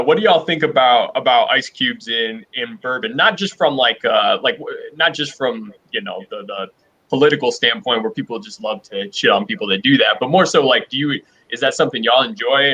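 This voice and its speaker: A man with a bright, forward voice and a husky edge. He hosts a livestream in loose, folksy conversation, at a middling pitch. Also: lively intonation, a little fast, muffled recording. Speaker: host of a bourbon blind-tasting livestream. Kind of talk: casual chat.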